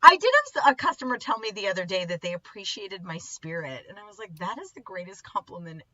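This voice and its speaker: Bright, animated woman podcast host. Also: medium pitch, fast, no echo, highs cut off. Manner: animated storyteller who acts out quoted lines and laughs often. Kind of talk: casual chat.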